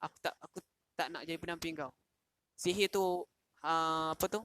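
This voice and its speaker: A man's voice: a little high, steady tone, normal speed, a bit bright, natural voice. A man voicing a brave, pious young man who firmly stands up to a king.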